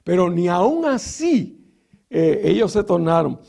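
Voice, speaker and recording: A high-voiced man preaching a sermon, with a gravelly, creaky edge to his voice. He speaks slowly and unhurriedly, teaching through scripture with rhetorical questions and plenty of filler sounds between phrases. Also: big pitch swings, warm tone. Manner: frequent filler sounds and restarts.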